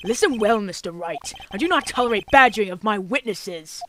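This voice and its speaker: A woman's voice: mid-range voice, animated, fairly quick, a bit bright, a little hiss or hum, pitched below the performer's own voice, lightly acted. A woman voicing an arrogant older male prosecutor, cold and imperious, with a haughty, clipped delivery. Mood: scornful. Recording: game music playing behind.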